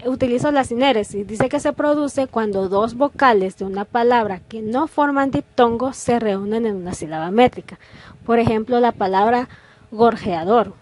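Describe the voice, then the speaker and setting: A woman teacher explaining a school lesson, patient and careful, working through each example step by step over her slides. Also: fairly high pitch.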